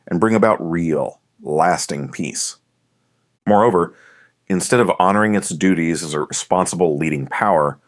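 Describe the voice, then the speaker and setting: A man narrating an audiobook in a measured, deliberate reading. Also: sits low, no echo, clean studio sound. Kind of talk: scripted narration.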